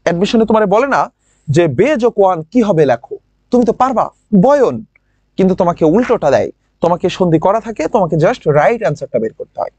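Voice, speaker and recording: Lively high-voiced Bangladeshi teacher. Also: male voice, slightly rough, no room sound. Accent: Bangladeshi Bangla with a regional lilt. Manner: drills words by repeating them slowly, asks students questions. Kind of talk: online admission-prep class.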